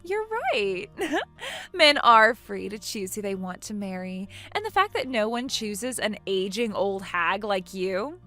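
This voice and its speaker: A woman voices a spiteful younger sister in her twenties who sneers and laughs at everyone. Her voice is bright and sharp, and it swings widely up and down. Faint music plays underneath. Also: medium pitch, big pitch swings, takes it slowly, full character voice. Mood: mocking. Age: 20s. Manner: mocking, laughs at others. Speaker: character in a voiced text story. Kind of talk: voice acting for a text-message story.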